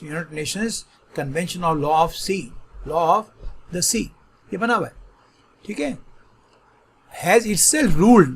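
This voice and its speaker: A middle-aged man leads an online exam-prep vocabulary lesson in a high, gravelly voice. He explains each word patiently and keeps checking that his students follow. A faint hiss sits underneath. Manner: explains patiently, repeats "ठीक है" often, mixes English terms into Hindi. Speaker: teacher.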